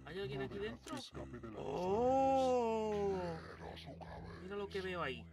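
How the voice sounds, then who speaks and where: A man with a Spain Spanish accent giving excitable let's play commentary, swearing a lot and talking back to the game. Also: sits high, takes it slowly, far from the mic, a crowd in the background. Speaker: gaming YouTuber. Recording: game gunfire loud behind the voice. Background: loud game gunfire and ambience.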